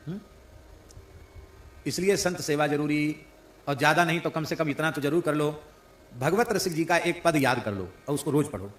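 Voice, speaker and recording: A man's voice: a little high, moderate pace, long pauses, fairly bright tone. A man giving a devotional sermon, breaking into sung verses and rising to emphatic declarations. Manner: mimics regional pronunciations playfully. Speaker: spiritual preacher. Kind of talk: devotional discourse with chanting. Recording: echoey room.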